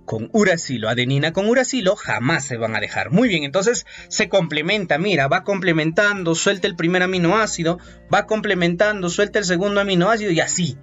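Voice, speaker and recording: A man teaching biology in a lively, playful lecture, quizzing students with mnemonics. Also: high-pitched, a little fast, hardly any pauses. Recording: muffled audio with faint music.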